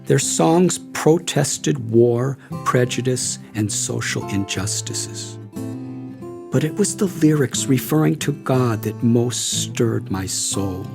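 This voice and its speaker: A man narrates an audiobook memoir in a slow, unhurried way. His voice carries a gravelly, creaky edge, and he reads in a measured, reflective manner while soft guitar plays faintly behind him. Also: mid-range voice, animated. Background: soft guitar music.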